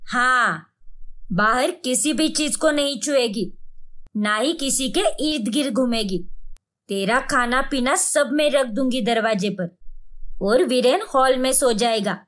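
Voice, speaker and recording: A woman's voice: high-pitched, a little slow, fairly bright tone. A woman voicing a strict, traditional mother-in-law who gives orders and scolds in a cartoon story. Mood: scolding. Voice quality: scolding, commanding.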